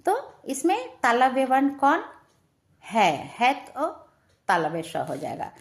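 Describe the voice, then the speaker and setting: A woman's voice: a little high, sing-song, takes it slowly, vocal fry. A woman teaching a grammar lesson to students, patient, repeating each question and answer and checking in with them often. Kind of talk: classroom lesson explaining to students.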